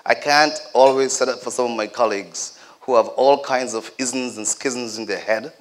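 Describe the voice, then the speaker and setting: A man's voice: medium pitch, moderate pace. A man giving a speech at a community celebration. He exhorts the crowd in a preacher-like cadence and speaks to them directly, with joking asides.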